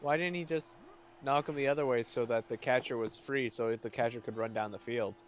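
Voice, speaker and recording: A man's voice: medium pitch, fairly even intonation, fairly quick, a little hiss or hum. A man co-commentating a game casually, mostly with short, laid-back replies. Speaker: guest co-commentator.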